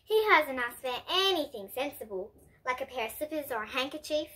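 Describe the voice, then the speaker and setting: In an indoor room lined with bookshelves, a girl of about 8 to 11 who hosts and reads children's bedtime books reads a picture book aloud to other kids. Her high, bright voice rises and falls in a very animated way, and she reads briskly and expressively, stumbling over a word now and then.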